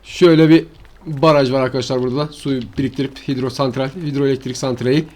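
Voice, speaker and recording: A man's voice: medium pitch, little pitch movement, fast talker, a little mellow. A man giving rambling, slangy commentary while showing a farming game map to his viewers. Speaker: gaming channel host. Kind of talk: casual gameplay commentary.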